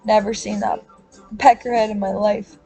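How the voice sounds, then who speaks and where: A woman's voice: mid-range voice, level tone, normal speed, mellow, faint music behind. A woman in her twenties talking in a casual confessional monologue, rambling and filling her speech with "like" and the odd swear word.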